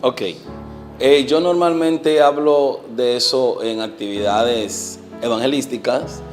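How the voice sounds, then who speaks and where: Faint music plays behind a medium-pitched Dominican man in his forties, an evangelist guest recounting his testimony in an interview. Speaking with a Dominican accent and fairly even intonation, he is earnest yet hesitant, using many fillers and trailing off softly.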